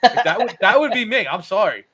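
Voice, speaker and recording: A male podcast co-host on a casual sports show talks animatedly in a high, slightly rough voice at a somewhat fast pace. He acts out players' lines, repeats words, and often restarts his sentences.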